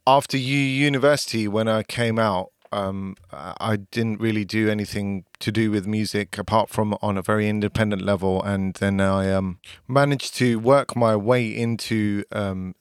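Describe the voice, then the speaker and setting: Guy, smooth voice, very dry sound, chatting casually. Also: fairly low pitch, fairly even intonation, normal speed, no room sound. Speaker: podcast co-host, record producer and engineer. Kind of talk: casual chat about career.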